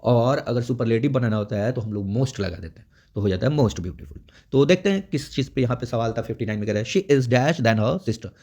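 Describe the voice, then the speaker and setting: A man's voice: medium pitch, expressive, a little fast, darkish tone. A man teaching an exam prep grammar lesson, explaining step by step and checking in often. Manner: explains step by step with frequent "theek hai" check-ins.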